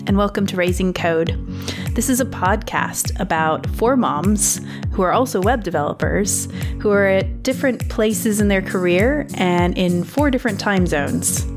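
A woman co-hosting a casual podcast, speaking in a relaxed way with many fillers. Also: mid-range voice, a little slow, music in the background. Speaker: podcast co-host.

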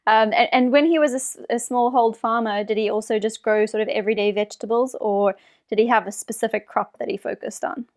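A woman's voice: fairly high pitch, steady tone, fairly quick, darkish tone. A woman hosting a podcast, introducing her guest and asking questions in an enthusiastic way. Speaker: podcast host. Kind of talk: podcast interview.

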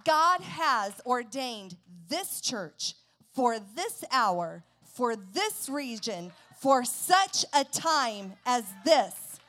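Slow, high-voiced woman preaching a fiery sermon. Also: sing-song, faint music behind. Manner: declaiming a war-like declaration, slow and emphatic, rising to loud shouts. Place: church service.

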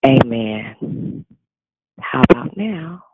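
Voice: mid-range voice, sing-song, drawn-out words. Upbeat preacher on a crackly, fading phone line. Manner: upbeat, repeats catchphrases like "amen" and "awesome". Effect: crackly phone line that fades in and out. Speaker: declaration leader on a prayer call. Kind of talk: preaching and greeting on a phone prayer call.

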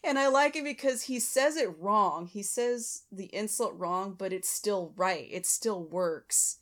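A woman in easygoing podcast talk, walking through her picks from a comedy film. Her voice sits at an ordinary pitch, and she reasons aloud with the occasional light laugh. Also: a little slow, a bit bright. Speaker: podcast co-host. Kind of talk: casual film review chat.

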